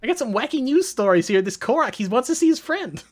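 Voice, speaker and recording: Comedy podcast co-host, higher-voiced man, loose riffing, laughs mid-line. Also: very animated, fast. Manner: riffing, laughing, stammering restarts. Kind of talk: casual comedy chat.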